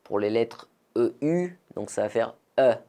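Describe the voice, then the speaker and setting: Man, from France, French teacher, beginner lesson, unhurried delivery, careful repeated examples. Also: medium pitch, expressive, dark tone. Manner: slow, careful, repeats model phrases clearly for learners.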